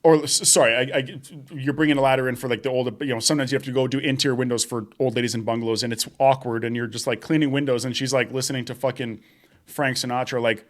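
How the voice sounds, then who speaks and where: A man's voice: mid-range voice, steady tone, fast talker. Swearing young man telling stories. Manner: swears a lot, laughs while telling stories. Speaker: podcast co-host. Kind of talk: casual chat.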